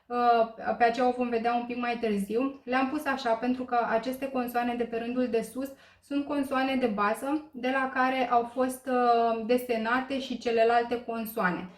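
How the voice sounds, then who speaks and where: A woman explains a language lesson in a slightly high voice, pausing often on fillers and checking that her students follow. Her voice rings in an echoey room. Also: little pitch movement. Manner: hesitant, many filler pauses, checks in with listeners. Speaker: Korean language teacher.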